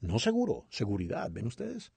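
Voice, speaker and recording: A man voicing over a sermon as a dub, with a lively, expressive delivery. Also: mid-range voice, normal speed, creaky, breathy edge, dry recording. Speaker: sermon interpreter.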